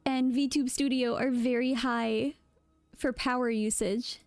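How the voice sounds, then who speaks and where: A woman's voice: a little high, fairly even intonation, takes it slowly, darkish tone, dry recording, soft background music. A woman guest on a casual chat stream, easygoing and laughing along.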